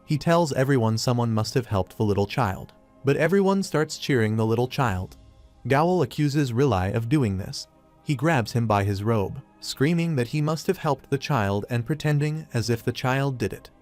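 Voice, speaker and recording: A man's voice: mid-range voice, lively intonation, normal speed, darkish tone. Man narrating a comic recap over faint music.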